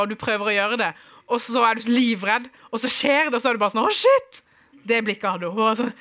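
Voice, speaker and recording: Man, young adult, humorous testimony, animated, crisp bright voice. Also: high voice. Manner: animated, acts out quoted dialogue, chuckles often. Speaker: speaker giving a testimony. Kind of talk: humorous personal storytelling to an audience.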